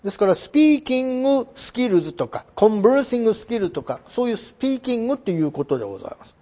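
Guy teaching english, high lively voice, kinda husky, polite and rambly. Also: fast. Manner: polite, explanatory, with frequent fillers and digressions. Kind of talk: lecture on English phrasing. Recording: dull lo-fi recording.

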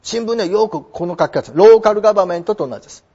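A man explaining English vocabulary in a chatty lesson, slowing down to spell out words. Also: high-pitched, animated, darkish tone, husky. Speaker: English teacher. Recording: dull lo-fi recording.

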